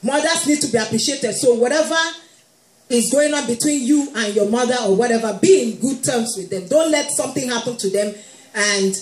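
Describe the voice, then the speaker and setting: In a church hall, a woman with a voice on the high side preaches a sermon to a congregation at normal speed. Her warm, humorous preaching has her playfully quoting moms and laughing often, and the hall is echoey with faint music.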